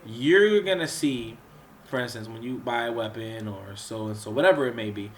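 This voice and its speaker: Sick and coughing, this male gaming channel host gives loose walkthrough commentary, expressive and at a normal pace, constantly restarting and using fillers while clearing his throat. His mid-pitched voice is slightly altered by the cold, with faint background hiss.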